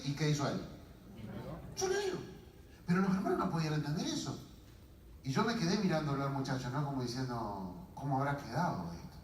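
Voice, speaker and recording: A man's voice: fairly high pitch, a little hiss or hum. A man preaching as a guest, telling stories with humor in a church, recorded from far off in an echoey hall. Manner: animated, humorous storytelling. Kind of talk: sermon storytelling.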